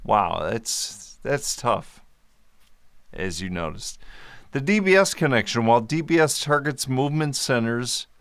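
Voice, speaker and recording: Talking into a microphone in front of him, a man vlogs to camera, explaining a topic in an easygoing way, correcting himself and making the odd joke aside. His mid-range voice is animated, a touch bright and a little slow, with no echo.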